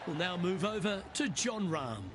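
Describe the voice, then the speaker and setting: This fairly high male voice is a television golf commentator for a video game, calling the action in brief, measured lines with an expressive yet composed and observant manner. Outdoor noise and crowd sounds come through clearly.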